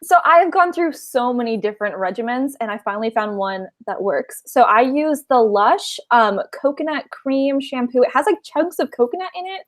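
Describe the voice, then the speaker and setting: A woman's voice: a little high, animated, moderate pace, few pauses. A woman in her twenties co-hosting a casual book chat, giggly and rambling, on a video call. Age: 20s. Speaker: co-host of a book liveshow.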